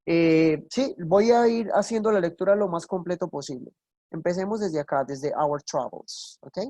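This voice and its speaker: A woman teaching an online English class, coaxing her students and explaining pronunciation step by step with plenty of examples. Her voice sits fairly low and sounds close and dry, with no room around it. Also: moderate pace, mellow, no room sound. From Colombia.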